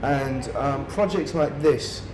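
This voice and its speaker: A man's voice: medium pitch, takes it slowly, background noise. A man speaking earnestly and reflectively in an interview. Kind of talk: interview talk. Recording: echoey room with music behind.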